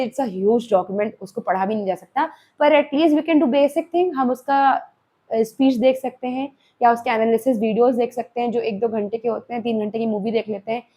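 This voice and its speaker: This young woman, a teacher with an Indian accent, lectures her class in a mix of Hindi and English. Her voice is on the high side with a darkish tone, and she keeps checking in with her students in a conversational way.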